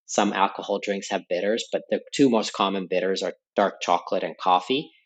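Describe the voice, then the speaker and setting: A man's voice: low voice, steady tone, fairly quick, slightly rough. A man from Finland, speaking as a podcast guest and explaining at length in a thoughtful way, with fillers and restarts. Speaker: podcast guest, company founder. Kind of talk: conversational interview explanation.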